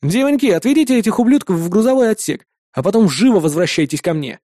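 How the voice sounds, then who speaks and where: A man's voice: high-pitched, lively intonation, quick pace, warm tone, dry recording, studio quality, pitched above the performer's own voice. A man voicing a cold, brash male officer who snaps threats and orders.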